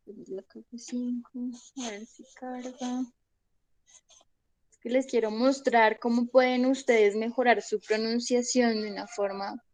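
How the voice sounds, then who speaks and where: A woman's voice: a little high, no room sound, poor audio. A young adult woman teaching an online English class from home into her phone microphone. She explains step by step and keeps checking that students follow.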